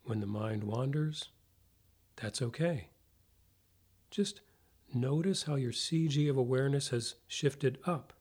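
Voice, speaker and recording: Slow-paced man guiding a breathing meditation. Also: mid-range voice, darkish tone, husky. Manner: measured, instructional, with long pauses. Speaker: meditation guide.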